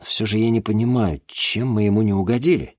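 A man voicing a proud teenage boy in an audiobook, speaking in a low, quiet tone. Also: fairly quick, no room sound, clean studio sound, natural voice. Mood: subdued. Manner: indignant, then subdued. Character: teenage boy, proud, quick to take offense. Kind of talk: audiobook character voice.

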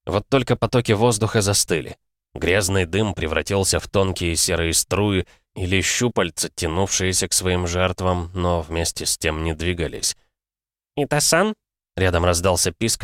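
Brief: male audiobook narrator, deep, measured dramatic delivery, dead studio sound. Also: steady tone, no echo.

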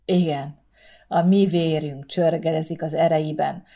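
A woman voicing a gruff, drunk working-class husband who speaks in a bitter, strained way. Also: low voice, fairly even intonation, warm tone. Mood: anguished.

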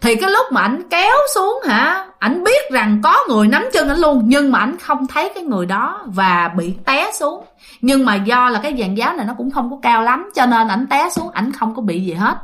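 Woman spinning a ghost story casually, high voice that swoops a lot, talks right at listeners. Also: very animated, moderate pace, a bit bright. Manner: chatty, addresses listeners, many fillers.

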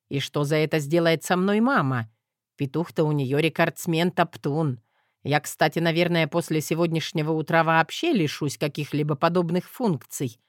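A man's voice: on the high side, dry recording, clean studio sound. A man narrating a first-person audiobook in a wry, self-mocking way.

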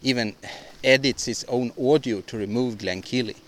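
A man's voice: mid-range voice, slight background noise. Rambling man on a solo podcast. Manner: halting, rambling, frequent restarts and repeated words; opinionated, ranting delivery. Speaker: podcast host.

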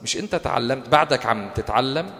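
A man's voice: medium pitch, expressive, fast, fairly bright tone. A male teacher with a Levantine Arabic accent gives a colloquial religious lecture, putting questions to his class and answering them himself. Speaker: Quran course teacher. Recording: reverberant hall.

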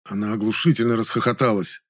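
A man's voice: fairly low pitch, steady tone, fast, a bit bright. A man reading a novel aloud in the first person, with a wry, dry delivery. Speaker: audiobook narrator.

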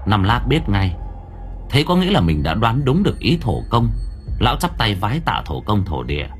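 A man narrating an audiobook story, with lively storytelling rises and falls. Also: fairly low pitch, moderate pace. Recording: narration over faint background music.

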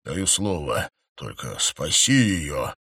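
A man's voice: extremely low pitch, very animated, takes it slowly, a bit bright, husky, dry recording, clean studio sound, voice pushed down, full character voice. A man voicing a hot-headed fanged beast-man count who stammers and blusters, then turns cold and clipped. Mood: cold resolve.

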